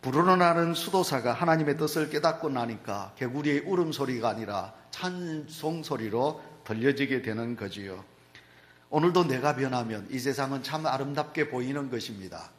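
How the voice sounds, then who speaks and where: A man's voice: mid-range voice, expressive, moderate pace. A male pastor preaching a sermon in a church, telling a story and speaking straight to the congregation. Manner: storytelling, addresses the congregation directly. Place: church sanctuary.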